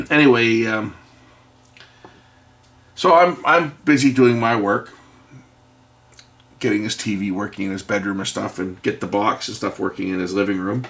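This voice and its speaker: A man's voice: fairly low pitch, fairly even intonation, moderate pace, vocal fry, long pauses, fairly bright tone. A middle-aged man rambles through a wry anecdote while repairing something, muttering asides about the work. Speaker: video maker and electronics tinkerer.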